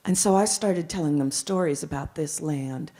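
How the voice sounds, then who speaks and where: A middle-aged woman performing as a live storyteller, with dramatic, deliberate phrasing and frequent repetition. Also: deep voice, mellow. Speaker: professional storyteller.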